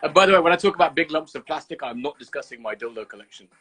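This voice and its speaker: A man hosting a casual live-stream chat, sweary, jokey and excitable, heard over a video call. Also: racing, crowd noise, low-quality recording. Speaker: host. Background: drum and bass music.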